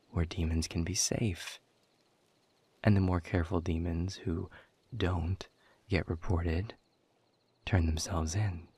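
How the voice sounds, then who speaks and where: In a scripted audio roleplay monologue, a man voices a weary, bitter, guarded demon captive who stays quietly defiant. His low, slightly mellow voice is husky and breathy, often sinking toward a whisper, with a heavily acted, measured and sardonically formal delivery.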